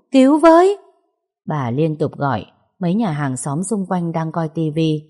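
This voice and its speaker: A woman reading a family drama story aloud in a measured, even narrating manner. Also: sits low.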